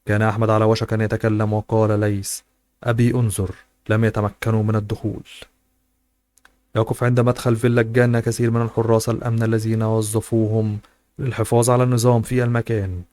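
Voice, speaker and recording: Male audiobook narrator, low register, flat steady read. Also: quick pace, clean tone. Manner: even, steady reading voice.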